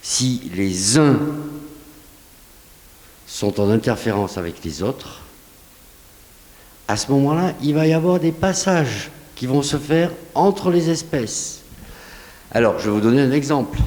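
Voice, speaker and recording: Conférencier homme, accent du Sud-Ouest, ton vif et familier, réverbération de salle. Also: male voice, mid-range voice, slow pace, pauses often. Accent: southwest French. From southwest France. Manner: lively, conversational, rhetorical questions. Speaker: guest scientist answering audience questions. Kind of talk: public lecture Q&A. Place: lecture hall. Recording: long hall reverb.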